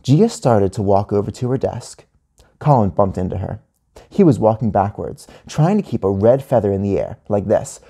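A male teacher reading his own children's story aloud in an animated, friendly storytelling manner. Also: lowish voice, normal speed, vocal fry, husky.

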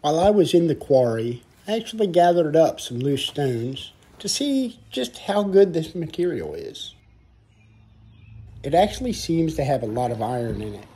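A man's voice: fairly high pitch, sing-song, normal speed, dark tone, husky. A man, narrating his exploration of old ruins in an earnest, reflective way. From northern Delaware. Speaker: restoration vlogger. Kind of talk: documentary narration.

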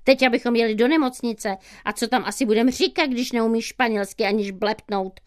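A woman voicing a hysterical, panicky small man in glasses, yelling frantically in a read-aloud story. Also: fairly high pitch, fairly even intonation, lightly acted.

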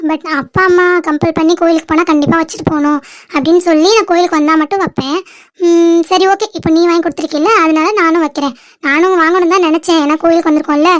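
A young schoolgirl in love, played by a woman, pours her heart out in a very high, emotional voice. She pleads earnestly and drops English words into her speech. It sounds like a homemade drama. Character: lovesick young girl student, Pinky. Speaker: channel creator voicing the lead. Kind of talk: amateur drama acting.

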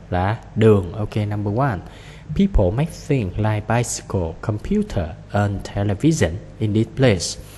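A male English teacher, going through an exam practice lesson and repeating each word before explaining it briskly. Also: fairly low pitch, warm tone. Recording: reverberant room with faint noise.

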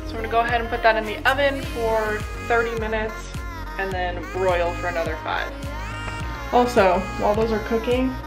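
A young adult woman with a medium-pitched voice vlogs a casual cooking how-to from her home kitchen and backyard grill. She's chatty and self-deprecating, full of ums and likes, with background music under her voice and poor audio overall.

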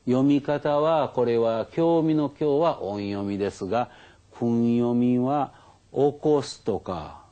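Gentle older man teaching children. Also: mid-range voice, takes it slowly, muffled recording. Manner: gentle, patient explaining with many fillers. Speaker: elementary school teacher. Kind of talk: kanji lesson for children.

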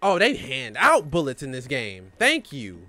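A young man giving profane, excitable let's-play commentary while talking back to the game's characters. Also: mid-range voice, unhurried. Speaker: gamer playing a horror game.

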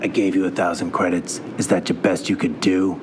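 A man voicing a terse masked male bounty hunter in a low, flat, clipped delivery. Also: brisk, background noise, natural voice. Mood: grumbling.

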